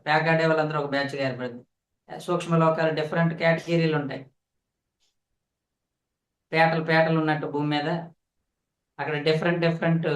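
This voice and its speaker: Here a man teaches a spiritual discourse, his pitch sitting a bit high as he talks straight to those listening. He goes slowly and repeats himself to drive points home, and there's an obvious echo from the room.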